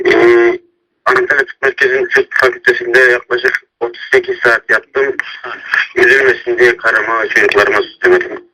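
A man of medium pitch with a very bright, forceful edge. He talks in halting, repeated radio-operator phrases. It comes through a thin phone or two-way radio link. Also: sing-song, rough recording.

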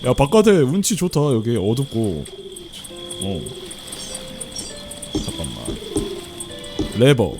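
A man's voice: mid-range voice, huge pitch swings, takes it slowly, long pauses, over loud music. A man giving casual let's play commentary, chatty and often laughing as he reads the game text aloud. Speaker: game streamer.

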